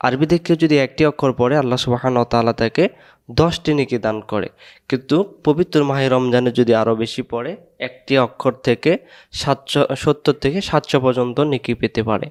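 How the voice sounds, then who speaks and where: A man with a Bangladeshi Bengali accent, teaching Quran letters and their pronunciation in a slow lesson where he drills each sound and asks the class to repeat it. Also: medium pitch.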